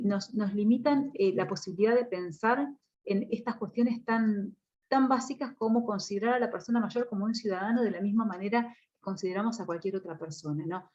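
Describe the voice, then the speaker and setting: A woman lectures in an even, middle pitch, explaining patiently and checking in with listeners through tag questions. She hesitates often with small fillers and repeats words. The audio is dull and lo-fi, like a muffled online course recording. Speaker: course instructor.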